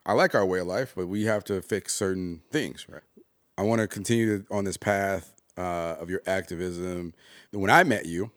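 A man with a very deep voice leads the conversation, animated and quick to jump in, repeating words as his sentences get going. The sound is dry and close, with no room around it. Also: no room sound. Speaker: interview host. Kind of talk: casual conversational interview.

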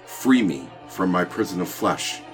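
A man voicing a cold, hostile winter goddess in a slow, imperious, raspy manner. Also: low-pitched, expressive, faint music behind. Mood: cold contempt.

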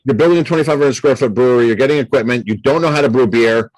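A male interviewer asks questions with enthusiasm, often stumbling over repeated words as he begins. His voice is mid-pitched and recorded dry and close, with no room sound. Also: racing, a little mellow, no room sound, poor audio. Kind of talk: casual interview talk.

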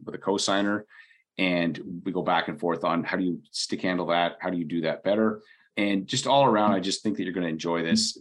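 A man with a low voice hosts a podcast interview at a quick clip. He sounds upbeat and chatty, with plenty of casual fillers as he talks. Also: fairly bright tone. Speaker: podcast host. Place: British Columbia.

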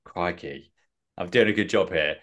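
Brief: male podcast host, lowish voice, chatty recap, self-deprecating, lots of ums. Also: normal speed, fairly bright tone. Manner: rambling, self-mocking, many fillers. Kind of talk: casual recap chat.

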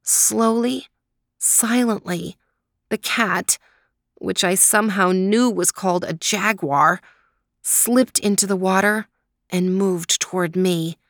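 Middle-aged woman storyteller, slow and gentle; dry, close sound with no room. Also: mid-range voice, dry recording. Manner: calm, gentle, drawn-out reading. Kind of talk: reading a children's story aloud.

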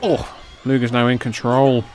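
Male wrestling commentator, average pitch. Live play-by-play, punchy calls, excited repetition. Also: normal speed. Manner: short punchy calls, repeats phrases excitedly.

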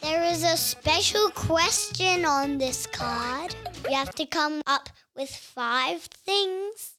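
An actor voicing a small, friendly, playful childlike character in a children's podcast, announcing games in a chirpy, deliberate way. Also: sits high, animated, music in the background, exaggerated voice. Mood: excited.

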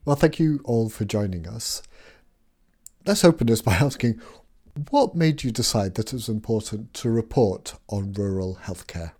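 A man with a fairly low, mellow voice hosts a podcast interview. He speaks in a measured, friendly way. Faint music plays behind him. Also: lively intonation, breathy edge. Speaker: podcast host.

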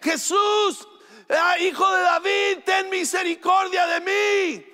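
A preacher acting out a blind beggar crying out. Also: male voice, very high-pitched, fairly even intonation, slow pace, pitched above the performer's own voice, full character voice. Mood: pleading shout. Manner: pleading, shouting.

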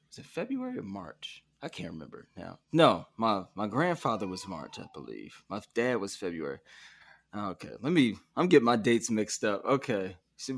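A man hosting a conversational interview, gently prompting his guest with questions, with fillers along the way. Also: medium pitch. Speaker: interview host.

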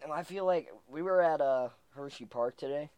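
A man's voice: on the high side, moderate pace, clean tone. A young man chatting casually, swearing often and breaking into laughter as he tells stories. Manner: profane, laughs often, animated storytelling. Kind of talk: casual chat.

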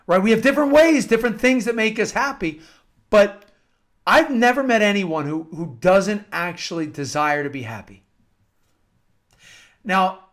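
Earnest and emphatic, a high-voiced American man preaches in an informal devotional setting, reading passages that sound like scripture. Repetition of phrases is his main tool for emphasis.

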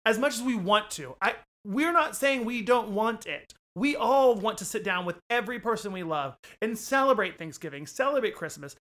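A man co-hosting a podcast, joking and animated, laughing often in casual chat. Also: sits high, moderate pace, few pauses. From New York. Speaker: podcast co-host.

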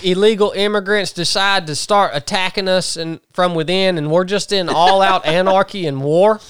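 Man, podcast host, blunt rant, high smooth voice, dry sound. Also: steady tone, moderate pace, fairly bright tone, dry recording. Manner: blunt, ranting, with many restarts. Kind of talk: casual chat.

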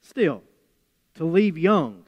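Appalachian preacher, higher-voiced man in reverberant hall. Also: sing-song, dull audio. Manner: measured, deliberate phrasing with emphatic pauses and folksy asides. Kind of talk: sermon with scripture reading and storytelling.

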